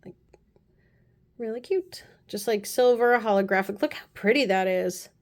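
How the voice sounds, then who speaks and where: A woman casually chatting through a nail art haul, gushing and often dropping her voice to soft low asides. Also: moderate pace. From United States. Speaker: beauty vlogger. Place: apartment room.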